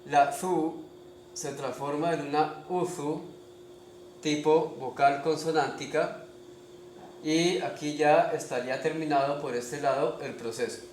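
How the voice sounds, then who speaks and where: A man giving a slow spelling lesson, speaking deliberately, pausing often and checking in with his listeners. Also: on the high side, fairly even intonation, darkish tone. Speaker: language teacher. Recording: echoey room with faint background noise.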